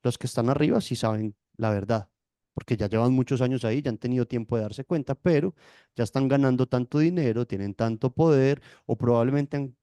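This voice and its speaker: A man, a yoga teacher, explaining at length in an interview and often checking in with his listener with a quick tag question. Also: mid-range voice, warm tone, clean tone, no room sound.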